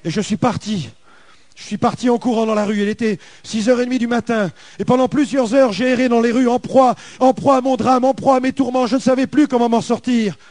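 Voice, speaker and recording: A man's voice: very high voice, steady tone, fairly quick, darkish tone, no room sound. A man with a French accent telling a dramatic personal testimony, emphatic and repetitive in his storytelling. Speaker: testimony speaker.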